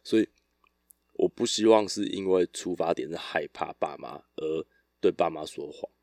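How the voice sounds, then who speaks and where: A man, chatting alone on his podcast in a loose, meandering storytelling style. His voice sits very low and is recorded dry and close, with no room sound around it. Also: moderate pace, no room sound. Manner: relaxed, rambling storytelling with restarts. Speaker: podcast host. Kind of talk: casual solo podcast chat.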